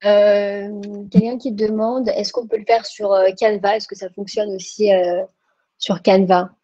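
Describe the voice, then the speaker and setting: Woman moderator, mellow voice, reads questions and backchannels, lo-fi video call sound. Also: mid-range voice, little pitch movement, measured pace. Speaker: webinar moderator. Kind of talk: reading audience questions. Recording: dull lo-fi call audio.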